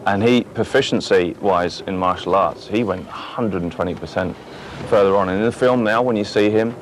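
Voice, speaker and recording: Low-voiced man, noisy recording. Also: moderate pace. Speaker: film actor being interviewed. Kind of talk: casual interview talk. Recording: noisy interview audio taped from TV.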